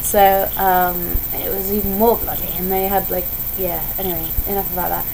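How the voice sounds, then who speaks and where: Her voice is on the low side and creaky, with little pitch movement and normal speed. She's a young vlogger who is ill and losing her voice, rambling casually, cutting herself off, and wandering onto tangents in a noisy home recording.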